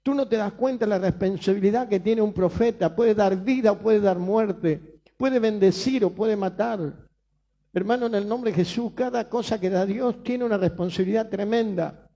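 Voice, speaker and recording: Argentine-sounding pastor guy preaching, high voice but mellow, keeps repeating himself and firing questions. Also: moderate pace, lo-fi sound. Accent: Rioplatense Spanish. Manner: emphatic preaching, repeats phrases, rhetorical questions. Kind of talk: sermon.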